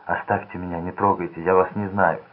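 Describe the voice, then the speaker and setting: A man's voice: low-pitched, little pitch movement, a little fast. A man voicing a frightened, dazed young heiress, pleading and fearful, in a tinny lo-fi recording. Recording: tinny phone-like lo-fi sound.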